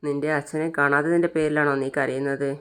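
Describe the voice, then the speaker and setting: A narrator reading a worried grandmother's lines in a flat, soothing voice while retelling a serial scene. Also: medium pitch, brisk, clear, resonant tone, natural voice.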